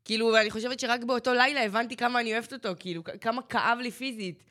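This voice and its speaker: With a slightly high voice captured in clean, dry studio sound, a teen girl co-hosting a podcast shares a personal story. She plays out the quoted voices with lots of energy and fills her speech with "like."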